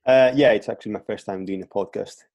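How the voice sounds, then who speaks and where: A Greek man in his thirties from Crete, a strength and conditioning coach, guests on a casual podcast interview, speaking English as a second language with a Greek accent. His lowish, slightly mellow voice moves fast, with no room sound, and he hesitates, repeating words and using fillers.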